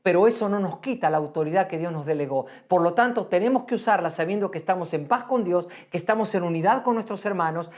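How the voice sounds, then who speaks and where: A woman's voice: on the low side, darkish tone. Woman preaching an earnest sermon. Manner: earnest preaching with rhetorical questions and repetition.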